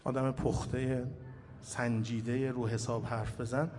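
Emotive cleric preaching in a reverberant hall. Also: male voice, mid-range voice, level tone, a little mellow. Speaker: cleric speaker. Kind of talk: sermon with personal memories. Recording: hall reverb with faint ambient noise.

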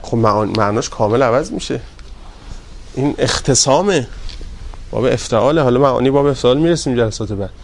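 A man teaching a grammar class, drawing out word forms slowly and asking his students questions. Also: mid-range voice, lively intonation, vocal fry, a little hiss or hum. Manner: drawn-out repetition of word forms, quizzing students; polite and deferential to the class leader.

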